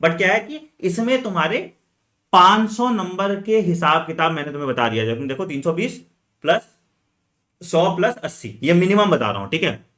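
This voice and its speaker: Lively male exam coach, animated. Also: fairly high pitch. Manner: animated, talks straight to students, frequent "ठीक है" fillers. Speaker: medical entrance exam coach. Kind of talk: energetic exam-strategy lesson, chatty Hinglish.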